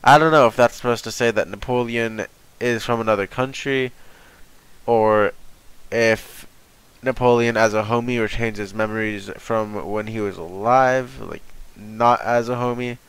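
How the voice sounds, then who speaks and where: A man's voice: medium pitch, fairly even intonation, unhurried, fairly bright tone, smooth, dry recording, rough recording. Stuffy-nosed young man thinking aloud. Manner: rambling, thinks aloud with many "like"s. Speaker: channel host reacting to a comic chapter. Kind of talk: casual live reaction.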